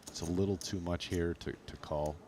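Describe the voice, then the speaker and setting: A man's voice: low voice, steady tone, moderate pace. A man giving casual, analytical poker commentary as a player, in loose, conversational, hedging phrases. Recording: noticeable background noise.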